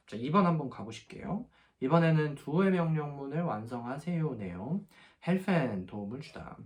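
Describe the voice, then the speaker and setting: A male teacher walks through textbook exercises one by one, patient and methodical. He slows right down whenever he sounds out an example phrase. His voice sits at a middle pitch but moves up and down a lot. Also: a little mellow. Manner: patient, explains step by step, slows down to spell out German phrases. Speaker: German language teacher. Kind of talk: textbook lesson explanation.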